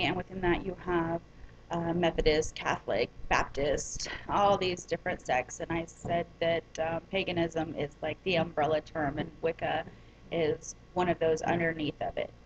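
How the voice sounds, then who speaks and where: A woman's voice: on the low side, a little hiss or hum. Rambling woman on lo-fi webcam audio. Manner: rambling, many ums and restarts. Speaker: vlogger. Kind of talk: casual personal storytelling to camera.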